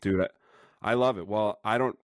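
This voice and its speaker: A middle-aged man with a Chicago accent hosts a podcast, his voice very deep. He rambles eagerly, piling up fillers and false starts. The sound is dry and close. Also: normal speed, no room sound. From suburban Chicago. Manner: rambling, enthusiastic, frequent fillers and restarts. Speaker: podcast host. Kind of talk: casual podcast chat.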